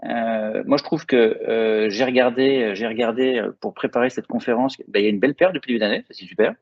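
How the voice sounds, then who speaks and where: A man's voice: mid-range voice, quick pace. A man moderating a conference panel, putting questions with many fillers and restarts. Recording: dull lo-fi sound.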